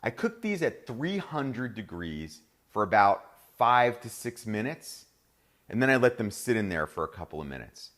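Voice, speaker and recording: A middle-aged man with a New Jersey accent hosts a live cooking demo. His voice sits on the low side, and he keeps an upbeat, chatty flow, talking directly to the people watching. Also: very animated, normal speed, a bit bright. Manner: upbeat, chatty, addresses viewers as "you guys". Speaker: cooking show host.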